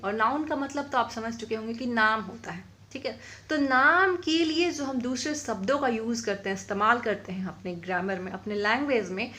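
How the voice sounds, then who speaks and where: A woman's voice: a little high, fairly bright tone, roomy sound. A woman teaching an English grammar lesson, explaining patiently and often checking whether her students have understood. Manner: explains patiently, asks frequent check questions; dictates definitions slowly. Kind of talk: classroom-style grammar lesson.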